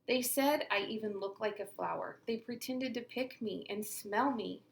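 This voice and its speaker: A woman reading aloud as a sensitive young schoolgirl who is teased for her long name, her voice lifting when cheerful and slowing when glum. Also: medium pitch, gravelly, close to an everyday voice. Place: classroom.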